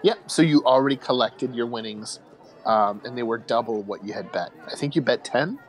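A man running a tabletop game as game master, narrating haltingly with many fillers and frequent laughter. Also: mid-range voice, some chatter behind, low-quality recording.

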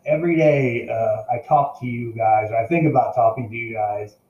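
An older man with a mellow, dark voice speaks earnestly to his viewers, urging them on in a casual talk to camera. He often stumbles, repeating and restarting words. The recording sounds roomy and slightly dull. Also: medium pitch, normal speed. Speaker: vlogger addressing viewers.

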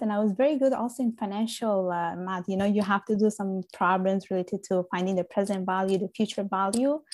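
A woman's voice: medium pitch, warm tone. A chatty young woman from Italy. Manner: earnest, chatty, frequent fillers. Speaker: podcast guest. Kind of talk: casual interview conversation.

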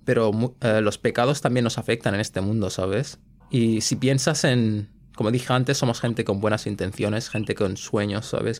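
A young podcast host speaks in a lowish, creaky, somewhat mellow voice during a casual chat. He talks earnestly in laid-back slang, often dropping "¿sabes?" and English fillers.

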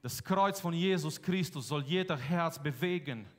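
A man's voice: fairly high pitch, moderate pace. Guy preaching in a big echoey church hall, hammers words again and again. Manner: emphatic, repeats key phrases, swings between loud and soft. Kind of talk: sermon. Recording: long hall reverb.

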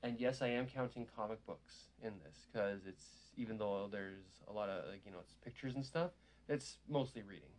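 A man's voice: on the low side, normal speed. A man hosting a casual chat, talking in rambling, meandering sentences.

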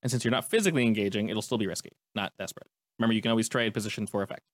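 A man's voice: lowish voice, racing, no room sound. A man working as a game master, improvising descriptive narration and explaining the rules in a conversational way.

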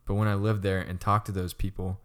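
A man's voice: low voice, level tone, brisk, clear, resonant tone. A young man co-hosting a casual chat, rambling with lots of stammered restarts and frequent laughter. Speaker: podcast co-host.

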